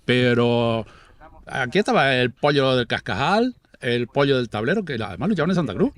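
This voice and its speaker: A man's voice: medium pitch, animated, moderate pace. A man with a Canarian Spanish accent, a podcast guest in casual conversation who recounts anecdotes and memories of local people. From Canary Islands.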